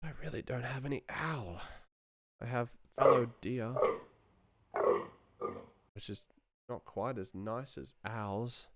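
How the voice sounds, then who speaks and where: A sound designer muses aloud and mutters playfully while working through a screen share, thinking out loud in casual commentary. The voice is mid-range and slow, with long pauses, and the recording is very noisy.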